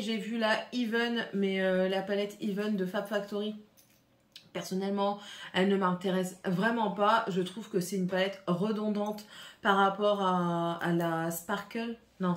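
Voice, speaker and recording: This French-accented beauty vlogger has a mid-range voice with fairly even intonation and a slightly slow pace. Filming at home, she chats loosely about her haul, full of fillers and restarts, as the echoey room carries faint noise.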